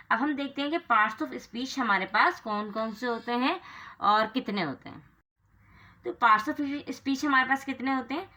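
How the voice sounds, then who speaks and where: A woman's voice: a little high, bright, forceful tone. A young woman teaching English grammar in a lecture, asking rhetorical questions and answering them herself, with English terms mixed into her explanations. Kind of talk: classroom lecture.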